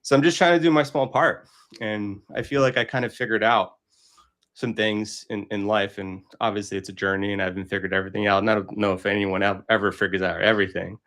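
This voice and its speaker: A man's voice: fairly low pitch, fairly even intonation, quick pace, fairly bright tone. A man from Brooklyn speaking as a guest in a casual conversation, in an earnest, reflective way. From Brooklyn, New York. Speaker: podcast guest.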